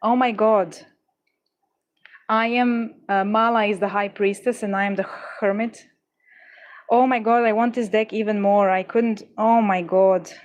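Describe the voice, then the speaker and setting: A woman's voice: mid-range voice, steady tone, measured pace. A young adult woman livestreaming, chatting casually with her viewers in a gushing, exclamatory way, often stumbling and restarting her words. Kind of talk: casual chat with live viewers.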